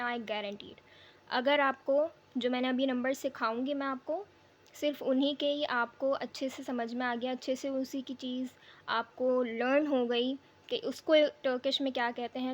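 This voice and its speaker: A young woman teaching a beginner language lesson, repeating each phrase slowly for pronunciation practice. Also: high voice. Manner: slow, repeated pronunciation drills.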